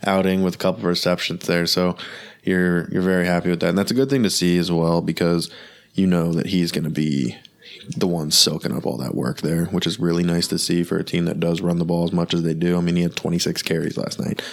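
A man's voice: deep voice, level tone, fairly quick, vocal fry. A man co-hosting a sports podcast while sick, his voice congested and nasal, talking in a rambling way full of fillers. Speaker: co-host. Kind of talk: casual sports podcast chat.

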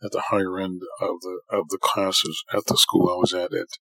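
A man's voice: low-pitched, little pitch movement, moderate pace, vocal fry, a bit bright, slightly rough, no room sound, poor audio. A middle-aged man, telling his own story for a podcast in an earnest way, often rephrasing for emphasis. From New York City, United States. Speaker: podcast guest, surgeon and professor. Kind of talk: autobiographical monologue for a podcast.

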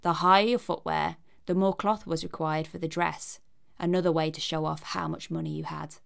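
A woman reads a scripted narration in a low voice. There is a noticeable creak in her tone. Her delivery is wry and cheeky, with conversational asides to the listener. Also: fairly even intonation, moderate pace.

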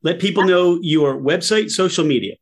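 A man's voice: high-pitched, normal speed, husky. A man hosting a casual interview, asking playful questions in a joking way. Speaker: interview host.

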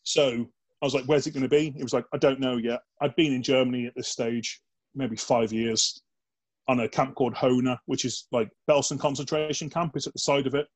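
A man's voice: medium pitch, steady tone, brisk. A man with a mid-range voice tells army stories in an easygoing interview. His talk is blokey and loose, full of "like" and casual swearing. He keeps slipping into the voices of the people he is quoting. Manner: chatty and blokey, peppered with "like" and swearing, acts out quoted dialogue. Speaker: guest, former soldier. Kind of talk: casual anecdote telling in a podcast interview.

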